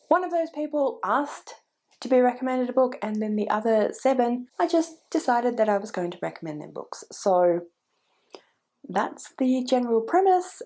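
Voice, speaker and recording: A book vlogger chats to camera about books she recommends, her mid-range voice stuffy and a little croaky from a cold. Her tone is warm and mellow rather than bright, and she meanders, restarting and correcting herself mid-sentence.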